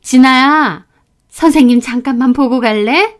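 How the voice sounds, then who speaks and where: A woman acts out a hypocritical woman teacher in a spoken story drama. Her voice sits high and she talks in a soft, coaxing way that hardens into scolding. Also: a little slow. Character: hypocritical female academy teacher, sweet turning menacing. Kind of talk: acted story dialogue.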